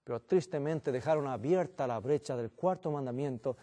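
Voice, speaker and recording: A man's voice: medium pitch, normal speed, mellow. A man preaching an earnest sermon as pastor in a church, addressing the congregation as brothers.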